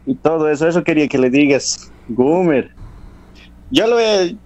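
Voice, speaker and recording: A man's voice: on the high side, animated, moderate pace, darkish tone, dry recording, highs cut off. A man calling in to set up a prank, rambling and hesitant, often giggling. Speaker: caller setting up a prank. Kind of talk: casual phone chat.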